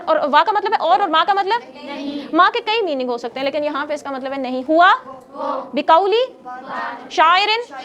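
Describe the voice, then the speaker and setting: A woman's voice: high-pitched, fairly bright tone. A woman teaching a grammar class who explains step by step, quizzes her students and scolds them when they get noisy.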